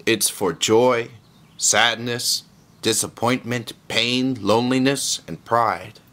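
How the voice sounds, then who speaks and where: A man's voice: mid-range voice, steady tone, takes it slowly, fairly bright tone. A man reading the Lord, earnest and proud. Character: the Lord, proud patient male creator.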